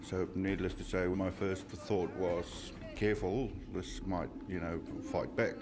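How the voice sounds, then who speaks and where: Low voiced guy, pretty even tone, telling his eyewitness bit for a documentary, music under. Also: measured pace. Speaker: eyewitness interviewee. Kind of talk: documentary interview recollection. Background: background music.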